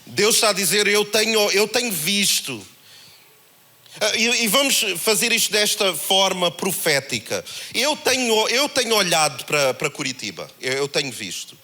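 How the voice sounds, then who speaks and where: Man, European Portuguese accent, preacher, high bright voice, animated conversational sermon. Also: moderate pace. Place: church held in a cinema.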